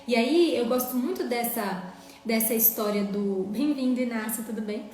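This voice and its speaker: A woman's voice: fairly high pitch, moderate pace, darkish tone. A woman teaching a live online parenting class in an earnest, emphatic way, often checking in with her listeners. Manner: earnest, emphatic, tags lines with "né?". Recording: very echoey room, faint music.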